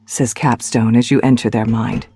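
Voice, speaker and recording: A man narrating a fantasy video game in a measured storytelling manner. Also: medium pitch, fairly even intonation, a little mellow, husky. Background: game music.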